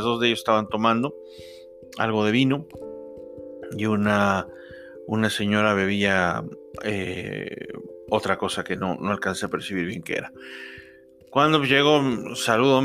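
A young Mexican man with a Mexican accent, telling a personal travel story in a relaxed, chatty way with many fillers. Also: fairly low pitch. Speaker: podcast storyteller. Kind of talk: first-person travel anecdote.

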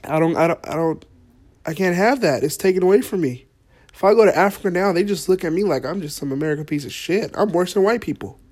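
A man's voice: high-pitched, quick pace, darkish tone. Man ranting in a profane, mock-earnest tone. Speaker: podcast host. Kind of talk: comedic podcast monologue.

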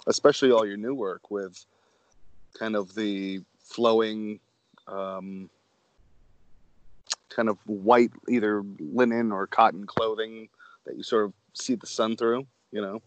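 A man's voice: on the low side, steady tone, slow pace, long pauses, no room sound, low-quality recording. A man from Connecticut with an American accent, interviewing in a casual, thoughtful and somewhat hesitant way. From Connecticut, United States.

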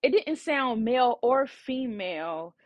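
A woman's voice: fairly high pitch, expressive, measured pace, no room sound, dull audio. A woman who works as a psychic medium tells a personal story casually and with animation, often saying "you know". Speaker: psychic medium and podcast host.

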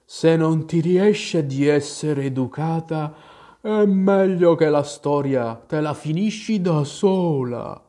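A man voicing a sleepy, grumpy male dormouse in a storybook reading, with a faint, hoarse, drawn-out voice. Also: high voice, sing-song, mellow, voice pushed up, full character voice. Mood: irritated. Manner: drawn-out, drowsy speech.

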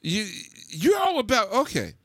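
Animated teasing man, very lively pitch. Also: moderate pace, no room sound. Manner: animated, teasing, profane, slangy. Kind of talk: casual banter.

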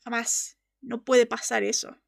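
A woman's voice: a little high, level tone, a little slow, gravelly. A woman hosting a casual fan show, talking passionately and emphatically and laughing often. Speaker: podcast host.

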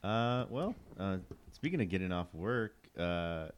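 Very deep-voiced woman, slow and laughing. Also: slight background noise. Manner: relaxed, laughs often, frequent "like". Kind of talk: casual chat.

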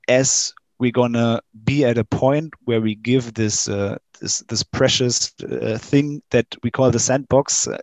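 A young man talks through his answers in an interview, pausing often and restarting his sentences. His voice sits in an ordinary middle pitch. The sound is dry and close, with little room echo. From Germany. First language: German. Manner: halting, many fillers and restarts. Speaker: interview guest, game company staff.

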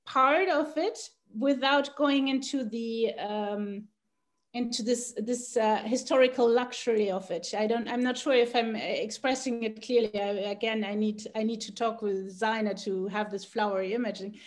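A woman's voice: on the high side, fairly even intonation, normal speed. A middle-aged woman from South America, a podcast guest talking casually, hesitant with many fillers and frequent laughs. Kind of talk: casual interview chat.

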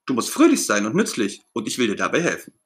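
A man's voice: mid-range voice, wildly swooping pitch, fast talker. A man voicing a caring, earnest young girl in a storybook reading, lifting his voice to sound girlish. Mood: worried, earnest.

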